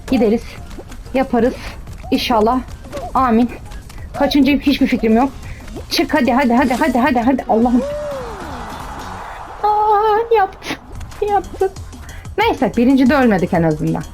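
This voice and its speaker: A woman's voice: a little high, brisk, long pauses, darkish tone, faint music behind. Chatty young woman cheering herself on. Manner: chatty, self-cheering, exasperated at the game. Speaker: gaming streamer. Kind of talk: live gameplay commentary.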